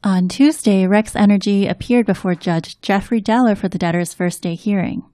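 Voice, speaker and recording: Lady reading debt news, mellow tone, steady and measured. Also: medium pitch, dry recording, clean studio sound. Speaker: co-host and news reader.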